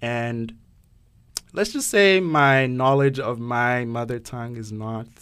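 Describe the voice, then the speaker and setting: Young man from Ghana hosting a podcast chat, mid-pitched, thinks out loud, stops and restarts a lot. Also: slow, clean tone. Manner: thoughtful, hesitant, many fillers and restarts. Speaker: podcast host. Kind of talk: casual podcast discussion.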